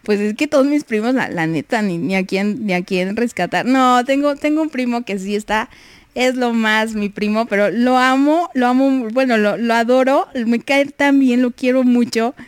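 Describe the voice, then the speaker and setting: A young Mexican woman with a fairly high, clean voice hosts a livestream at normal speed, chatting casually, reading messages and giggling often, with many fillers. The recording is dry.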